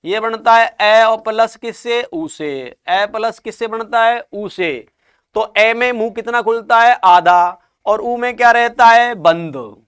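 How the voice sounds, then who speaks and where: A man teaching a class in a high, clean voice. He asks questions and answers them himself, and stretches out each sound to demonstrate it. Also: slow pace, a bit bright, clean tone. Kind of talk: classroom lesson.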